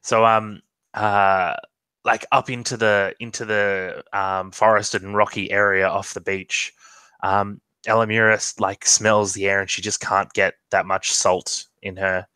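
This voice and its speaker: A man's voice: lowish voice, level tone, unhurried, bright, forceful tone, smooth, no room sound, low-quality recording. A man narrating his character in a tabletop storytelling game, hesitant with many ums and restarts.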